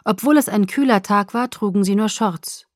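A woman narrating a novel in the first person with a lively, expressive delivery. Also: mid-range voice, moderate pace, no echo, clean studio sound. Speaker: audiobook narrator.

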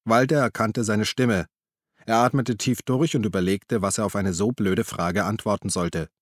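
Low-voiced man reading a crime novel. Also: steady tone, normal speed, no echo, studio quality. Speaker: audiobook narrator. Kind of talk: scripted narration.

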